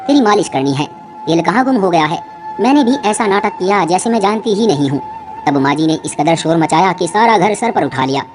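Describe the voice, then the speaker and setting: A woman's voice: on the low side, a little mellow. A woman narrating a personal story in first person, in an earnest, confiding manner, over music. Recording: background music under voice.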